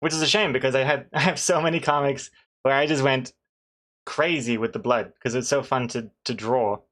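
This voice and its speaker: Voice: mid-range voice, fairly even intonation, moderate pace, fairly bright tone. A webcomic artist chatting casually and rambling, thinking aloud in a hesitant way.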